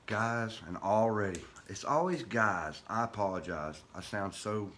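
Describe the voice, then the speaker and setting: Deep-voiced, toothless older man. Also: expressive, a little slow, faint music behind. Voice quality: toothless, soft-edged diction. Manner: self-deprecating, folksy. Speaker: guitar vlogger. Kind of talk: casual rambling vlog chat. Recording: clear background noise, room ambience.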